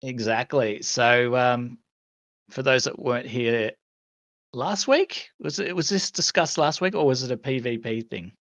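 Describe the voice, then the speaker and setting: A man's voice: mid-range voice, a little slow, fairly bright tone, dry recording. An Australian man hosting a casual community chat, laid-back and full of fillers. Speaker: community host.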